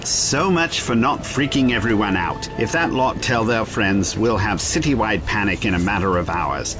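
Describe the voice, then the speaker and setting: The Doctor, wry and animated played by a man. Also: fairly low pitch, moderate pace, noisy background, lightly acted. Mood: wry, brisk. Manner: wry, sarcastic, theatrical. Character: quick-witted, righteous time-travelling adventurer, playful and sardonic. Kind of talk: audio drama acting.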